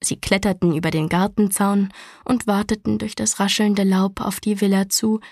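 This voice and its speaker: A woman narrating a children's storybook in a calm, even reading voice. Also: medium pitch, moderate pace, no room sound, clean studio sound. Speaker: audiobook narrator.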